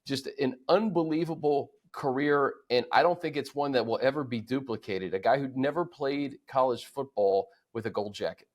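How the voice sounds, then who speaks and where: Barely pausing, a sports podcast host, an American man with a medium-pitched voice, talks through stats and takeaways at a normal pace. His delivery is casual and conversational, with emphasis on key words.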